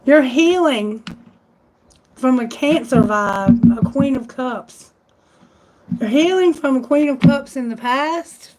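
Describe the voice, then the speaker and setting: A woman's voice: high-pitched, a little hiss or hum, poor audio. A woman doing a live tarot reading, chatty and exclamatory, thinking aloud, and losing her voice. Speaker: tarot reader.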